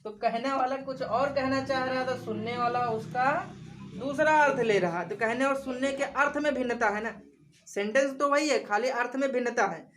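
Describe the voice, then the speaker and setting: A woman's voice: high-pitched, normal speed, a little hiss or hum, low-quality recording. A woman teaching a grammar lesson for exam preparation, repeating examples and questioning her class.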